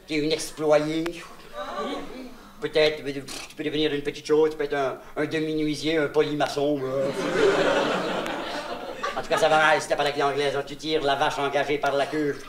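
A man's voice: a little high, natural voice. A man with a Québécois accent playing a naive, childlike vagabond clown who rambles and mangles words in a comic monologue. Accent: Québécois French. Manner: mangled words and puns, confiding to the listener. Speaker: comedian. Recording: echoey, distant, noisy old LP recording.

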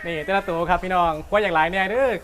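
Very fast, high-voiced Isan Thai man presenting. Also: fairly even intonation, very noisy. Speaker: live-stream presenter prompting a seller. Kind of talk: fast live selling chat.

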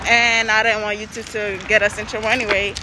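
A woman's voice: mid-range voice, level tone, fairly quick, background noise. A young woman hosting a casual vlog, talking in a loose, slangy way and laughing easily while eating. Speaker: vlog host. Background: music.

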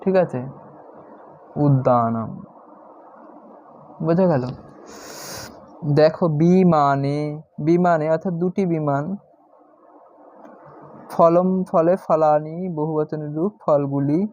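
A man teaching a lesson, explaining word by word and repeating each term slowly. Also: on the high side, a little mellow. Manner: slow, repeats each word several times. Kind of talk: step-by-step classroom explanation. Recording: dull lo-fi sound.

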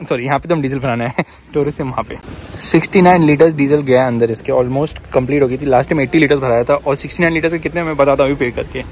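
Filming a relaxed travel vlog on a handheld action camera, this thirty-something man narrates quickly in a mid-range voice, chatting and cracking jokes. His lively commentary follows him through cold outdoor weather, a supermarket, and a motorhome. Sound quality is poor, with a bit of hiss or hum.

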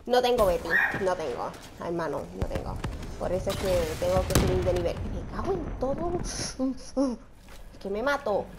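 A young woman giving excitable gameplay commentary, shouting and shushing as she plays. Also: on the low side, fairly quick, heavy background noise. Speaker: gaming channel host.

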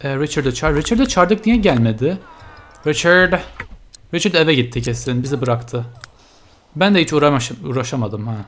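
Excitable young man commentating a game. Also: normal speed, a little hiss or hum. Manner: excitable, frequent gasps and sudden pitch jumps. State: tired. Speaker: gaming YouTuber. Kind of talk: Let's Play commentary.

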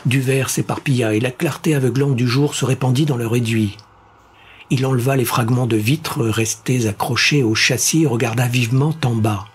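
A man reading a science-fiction thriller aloud in a steady, suspenseful narration. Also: mid-range voice, normal speed, slight background noise. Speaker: audiobook narrator. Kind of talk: scripted narration.

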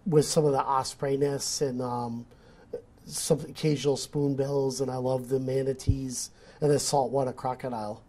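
A nature photographer in his forties with a New England accent is a guest on a studio interview, talking casually and explaining eagerly with lots of restarts while gesturing a lot. His mid-range voice is dark, level, and moderately paced. He wears a lapel mic on the studio set.

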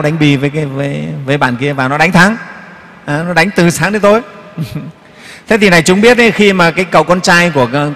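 Give me a male Buddhist monk, preaching lively in a long-echo hall. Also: on the high side. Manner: lively storyteller, acts out quotes, frequent fillers like "Đấy" and "Nghe không?". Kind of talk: sermon with storytelling.

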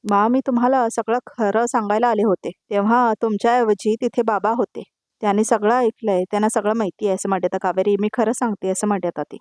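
Brisk woman narrating a serial recap. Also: mid-range voice, steady tone, darkish tone, dry recording, clean studio sound. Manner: retells scenes line by line, tagging each quote; addresses viewers directly with asides. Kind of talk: voice-over episode recap.

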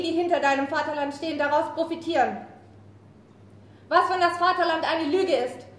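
A woman's voice: sits high, fairly bright tone. A woman reading the part of a defiant young female rebel fighter in a staged play reading, speaking in an impassioned, accusing way. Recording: roomy live café recording.

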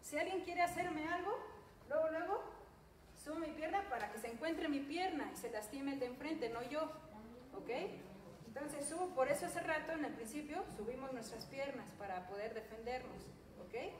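A woman's voice: sits high, animated, moderate pace. A woman with a Mexican Spanish accent leading a self-defense class, counting out reps and checking in with "ok?" between drills. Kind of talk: fitness class instruction. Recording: echoey room, mic far off, noisy.

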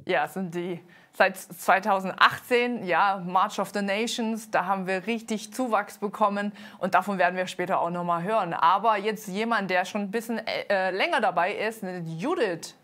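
A woman in her thirties who leads a dance team hosts a studio show, her voice medium in pitch and fairly bright. She's earnest but halting, full of fillers. She's picked up by a lapel mic on a TV studio set.

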